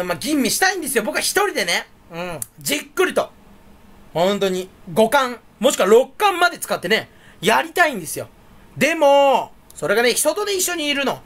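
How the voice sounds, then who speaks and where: A man's voice: very high-pitched, fairly bright tone. A man talking alone in a casual chat stream, his voice leaping up and down all the time. He rambles from thought to thought, makes fun of himself, and trips over repeated syllables as he plays with words. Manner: rambling, self-mocking, playful wordplay. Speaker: channel host.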